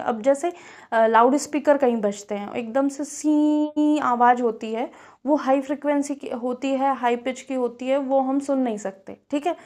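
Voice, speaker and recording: Teacher with a Kanpur Hindi accent. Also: female voice, sits high, a little mellow. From India. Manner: explanatory, repeats key words, frequent fillers. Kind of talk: classroom physics lesson.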